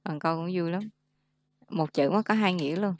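A woman's voice: lowish voice, normal speed, darkish tone. Chatty young woman tutoring over video call. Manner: chatty, mixes English words into explanations, laughs often. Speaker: English tutor. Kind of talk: casual online lesson.

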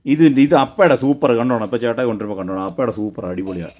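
A man's voice: mid-range voice, animated, very fast, darkish tone. A father in a casual family video, coaxing and half-laughing, sometimes exasperated, as he talks to his child.

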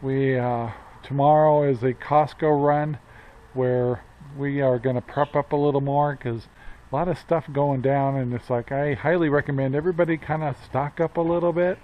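A man's voice: mid-range voice, fairly even intonation, normal speed. Older guy in his 60s vlogging outside by his barn, lots of uhs, kinda muffled camera sound. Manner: rambling, many fillers and restarts. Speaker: homestead vlogger. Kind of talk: casual chat to camera. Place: outdoors by a metal barn. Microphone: action camera at arm's length.

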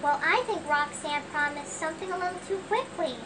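A patient father, as a performer plays him talks calmly and reassuringly, but the sped-up audio lifts him very high. The voice sits far from the mic with steady noise behind. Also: a little fast. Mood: soothing. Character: patient, gentle father of a big family. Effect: sped-up, pitch-raised playback.

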